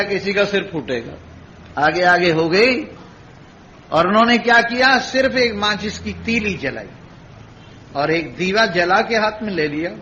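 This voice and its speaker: High-voiced, bright swami giving a discourse. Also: male voice. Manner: storytelling with voiced dialogue and repeated phrases. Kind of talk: spiritual discourse with storytelling. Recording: dull lo-fi recording with faint hiss.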